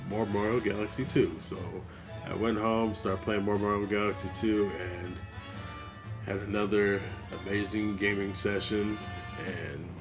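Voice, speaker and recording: Gaming vlogger, male, low gravelly voice, easygoing storyteller. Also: flat delivery, measured pace, music in the background. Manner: laid-back, conversational storytelling. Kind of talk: storytelling monologue.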